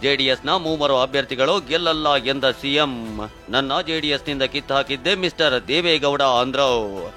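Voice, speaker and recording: A man reads a news voice-over with dramatic, punchy phrasing and a Kannada accent. His tone is bright and forceful. Faint music runs underneath. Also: medium pitch, a little slow. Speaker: news reporter.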